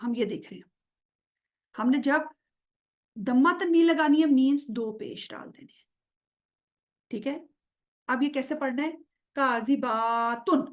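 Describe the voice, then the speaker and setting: A woman's voice: high voice, a little mellow. A woman teaching Quranic grammar in an online lesson, patiently checking understanding and stretching out example words. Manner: drawls example words slowly to show pronunciation.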